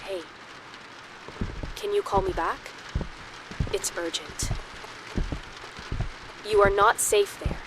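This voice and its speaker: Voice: mid-range voice, fairly even intonation, takes it slowly, long pauses. An actor voicing a mysterious caller who pleads urgently over a phone line. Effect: heard over a phone line. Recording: phone call with loud rain noise.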